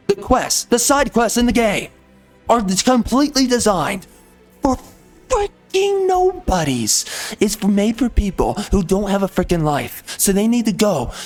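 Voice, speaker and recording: A man, a gaming commentator, delivering a heated, sarcastic, repetitive rant. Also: sits high. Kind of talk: unhinged rant.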